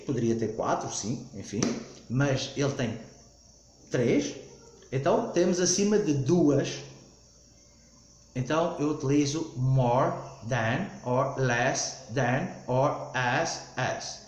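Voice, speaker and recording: A man teaching English grammar in a recorded lesson, explaining slowly and repeating himself with frequent "ok?" checks. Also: mid-range voice, darkish tone, heavy reverb.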